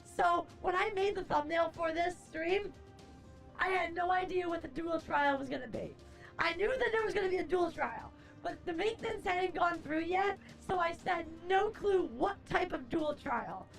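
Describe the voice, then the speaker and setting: A woman's voice: very high-pitched, normal speed, vocal fry. A woman hosting a livestream in playful, theatrical chat with a horror-host flair. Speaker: livestream host, VTuber-style streamer. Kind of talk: theatrical horror-host greeting turning to casual stream chat. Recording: music behind the voice.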